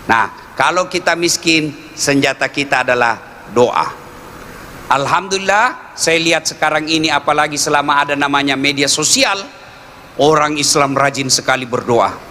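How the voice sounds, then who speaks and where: A man preaching a comic sermon, animated and rising to loud exclaimed questions. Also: a little hiss or hum. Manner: acts out quoted voices with big pitch swings. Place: live event with audience.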